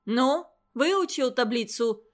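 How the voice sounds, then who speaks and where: Woman putting on a harsh old tutor who shouts at pupils. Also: high-pitched, lively intonation, slow. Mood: angry scolding. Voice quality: harsh, scolding. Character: huge cruel old woman tutor, furious and shrill.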